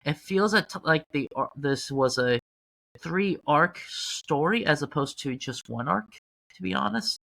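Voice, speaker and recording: A man's voice: on the high side, unhurried, gravelly. A man co-hosting a casual comics podcast, joking and rambling as he talks. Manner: jokey, rambling, animated. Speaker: podcast co-host.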